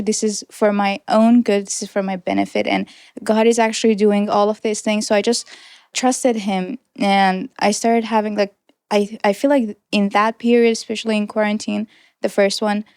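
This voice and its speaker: A woman in her twenties from Iran, who grew up speaking Persian, reflects earnestly on her own life while being interviewed, occasionally restarting a phrase or laughing lightly. Her mid-range voice has a darkish, clear and resonant tone. The studio-quality recording is dry.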